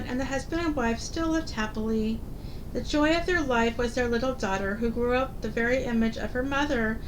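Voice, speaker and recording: A woman reading a fairy tale aloud as a storyteller, in the manner of a fairy tale opening. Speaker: host reading stories aloud. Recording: loud low rumbling background noise.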